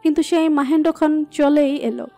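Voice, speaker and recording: A woman narrating a romantic audio story in a steady, expressive reading. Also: sits high, a little fast. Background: soft background music.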